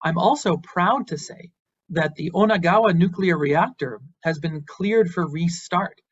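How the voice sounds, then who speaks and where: An earnest, encouraging American university lecturer from Boston gives an invited online lecture, using some fillers. His voice sits high and a little slow, with slight roughness. The sound is muffled.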